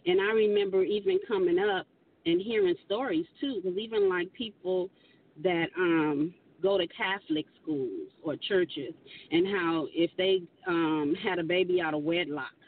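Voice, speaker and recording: A woman's voice: on the low side, a little slow, recorded from a distance, phone-quality sound, slight background noise. A woman co-hosting a radio talk show, speaking earnestly and at length, often restarting her sentences.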